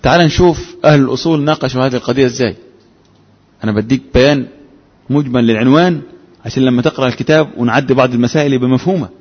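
A man's voice: medium pitch, very fast, slightly rough, muffled recording. Egyptian man lecturing in an echoing hall. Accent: Egyptian Arabic. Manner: asks the class rhetorical questions, mixes formal and colloquial speech. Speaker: Islamic jurisprudence teacher. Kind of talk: classroom lecture.

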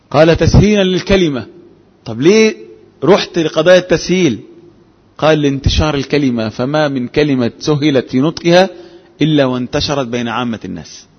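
A man's voice: on the high side, big-room sound, lo-fi sound. A man with an Egyptian accent teaching a lecture on jurisprudence. He asks the class rhetorical questions and moves between formal and colloquial speech. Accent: Egyptian Arabic.

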